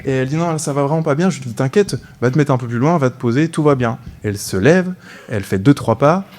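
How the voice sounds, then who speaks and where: A man in his twenties does a stand-up routine on a comedy stage before a live audience. His medium-pitched, darkish voice is animated and fast as he tells a story, often tossing "ok?" to the crowd.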